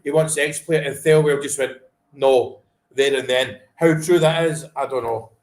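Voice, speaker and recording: A man vlogging a live football reaction from home, chatting casually, then erupting into shouted celebration and swearing before apologising. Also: medium pitch, steady tone, normal speed, echoey room, low-quality recording. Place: at home, wife in the room.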